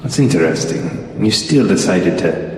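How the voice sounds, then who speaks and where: A man voicing an imperious, aloof sea god in a tabletop role-playing game, with a deep voice and grand, questioning delivery. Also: expressive, normal speed, a little mellow. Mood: challenging. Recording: heavy echo, long reverb, music behind.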